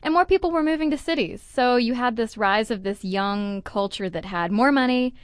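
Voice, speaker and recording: A woman co-hosting a casual chat, explaining in a lively, conversational way with everyday slang. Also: on the high side, normal speed, clear, resonant tone, dry recording, clean studio sound. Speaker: podcast co-host.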